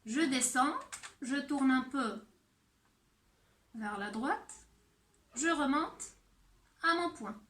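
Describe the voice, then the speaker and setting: A woman teacher giving a handwriting and sounds lesson to young children, speaking slowly and clearly. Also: sits high, expressive, a bit bright, roomy sound. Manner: slow, clear teacher talk addressed to children. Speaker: primary school teacher.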